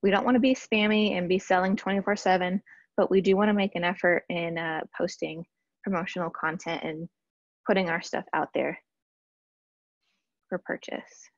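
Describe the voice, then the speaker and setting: A woman marketing strategist presenting a workshop in a casual, chatty way, often pausing with fillers and restarting sentences. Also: fairly low pitch, steady tone, dry recording, dull audio. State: briefly out of breath. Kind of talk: casual slide-based webinar teaching.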